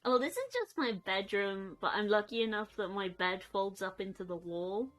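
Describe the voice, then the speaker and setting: A young woman chatting casually on a live stream from her bedroom, soft and rambling, cooing at her pets. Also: medium pitch, expressive, normal speed.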